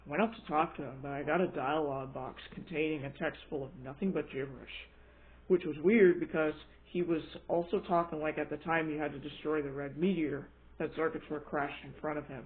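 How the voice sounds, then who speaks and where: A man's voice: a little high, steady tone, brisk. A man reading out a scripted first-person horror story, now and then stumbling over his words. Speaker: creepypasta narrator. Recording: thin, phone-like narrow band.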